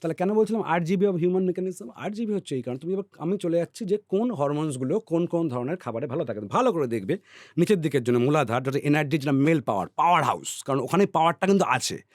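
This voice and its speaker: A man on a podcast explaining ideas at length in a teacherly way, often checking in with his listener and trailing off softly on repeated words. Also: on the high side, animated, fast talker, no room sound, studio quality. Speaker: podcast guest.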